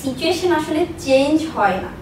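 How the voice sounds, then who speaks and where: With a crowd audible in the background, a high-pitched woman speaks a little fast with lively intonation. She's in her thirties, owns a business, and tells personal stories in an interview, emphatically repeating herself for stress. The room echoes, the mic is distant, and there's faint noise.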